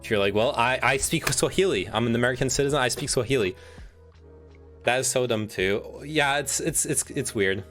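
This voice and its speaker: Over soft background music, a man speaks at a moderate pace in a mid-range, slightly bright voice. It's a casual, sweary livestream where he reads out quiz statements, reacts, and keeps rambling and restarting sentences.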